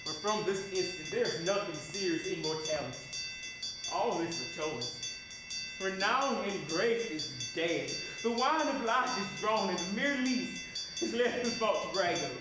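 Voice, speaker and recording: Man playing high-voiced, hammy, grieving stage lord. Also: lively intonation, unhurried, loud music behind the voice. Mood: theatrical grief. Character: grave, guilty lord feigning grief and outrage. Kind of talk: Shakespearean stage acting. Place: indoor stage performance. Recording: very echoey hall, distant microphone, faint noise.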